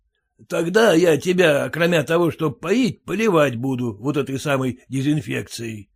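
A man's voice: on the high side, unhurried, creaky, slightly rough, full character voice. A man voicing a fussy, self-important merchant husband who lectures and grumbles. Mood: grumbling. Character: pompous fussy merchant husband, fearful of typhus.

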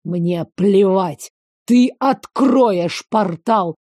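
A woman voicing a cruel, obsessed young man who slowly growls out his threats in an audiobook. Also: medium pitch, mellow, no echo, studio quality, lightly acted. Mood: furious.

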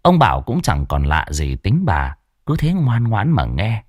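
A man narrating a ghost story in an animated storytelling manner. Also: lowish voice, unhurried, no room sound, clean studio sound.

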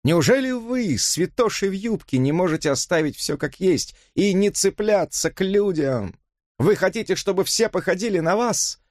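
A man's voice: high-pitched, sing-song, unhurried, darkish tone, dry recording, voice pushed up, exaggerated voice. A haughty, glamorous woman with a languid, drawling voice, as a male audiobook reader puts her on. She lets her scorn rise and fall in a raised register. The reading is close and dry. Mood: scornful.

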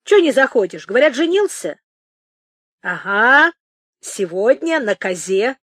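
A woman voicing a jovial middle-aged male boatman who banters loudly and snorts with laughter. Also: very high voice, sing-song, unhurried, dry recording, clean studio sound, heavily acted. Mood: teasing.

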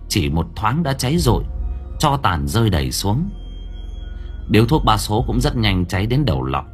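A man narrating an audiobook story, with lively storytelling rises and falls. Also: on the low side. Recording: narration over faint background music.

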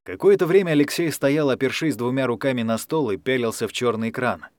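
Male audiobook narrator, mid voice, measured scripted reading, dry studio. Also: medium pitch, dry recording. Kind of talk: scripted narration of a science fiction story.

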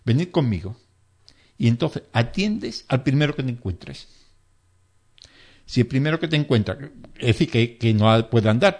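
A man's voice: medium pitch, darkish tone. Emphatic man explaining first aid steps. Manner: emphatic, repetitive, acts out panicked bystanders in quotes. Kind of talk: explanatory interview talk.

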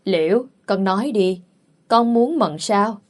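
A woman's voice: medium pitch, lively intonation, slow. A woman voicing a mild, coaxing uncle. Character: middle-aged uncle, mild and curious.

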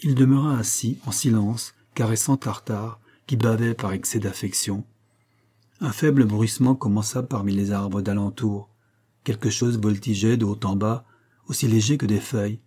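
Un homme qui lit un roman classique en livre audio, d'une lecture posée et régulière. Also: male voice, fairly low pitch, fairly even intonation, moderate pace, dark tone, breathy edge. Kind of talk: narration littéraire lue.

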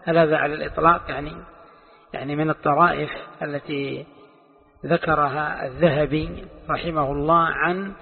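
Sheikh, a man lecturing and firing questions at students, high voice, phone-like sound. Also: fairly even intonation, normal speed, creaky, pauses often, a little hiss or hum. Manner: quizzes the students with rhetorical questions. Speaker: sheikh teaching tafsir. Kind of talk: classroom lesson explaining a classical text. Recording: tinny lo-fi recording with long hall reverb.

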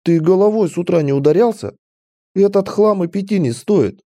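A man's voice: medium pitch, big pitch swings, moderate pace, dark tone, no room sound. A man reading an audiobook, voicing a brash young woman player who bluntly explains and bosses others around. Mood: indignant. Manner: blunt, lecturing, impatient.

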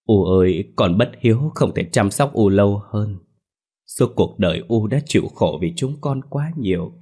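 A man voicing a middle-aged son in a ghost story, choked with tears, stammering and breaking into shouts. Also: sits low, moderate pace. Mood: grieving. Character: grieving middle-aged son, tearful then astonished.

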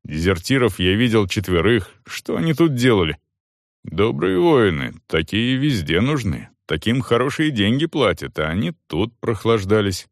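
A man's voice: lowish voice, sing-song, normal speed, no echo, studio quality. A man voicing a blunt, commanding wounded soldier who speaks curtly. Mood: stern. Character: gruff wounded male soldier, stern master.

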